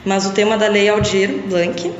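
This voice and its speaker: A woman's voice: mid-range voice, flat delivery, normal speed, a little hiss or hum. A young woman from Brazil, a podcast guest, talking reflectively about her studies and often adding little tag questions. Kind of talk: casual interview talk. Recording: echoey long-reverb lo-fi room.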